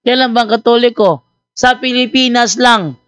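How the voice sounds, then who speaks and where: Animated male priest telling a story. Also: very high voice, normal speed, smooth, dry recording, clean studio sound. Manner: animated, teasing storyteller acting out both sides of a dialogue; conversational, with frequent fillers and restarts. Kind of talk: storytelling apologetics talk.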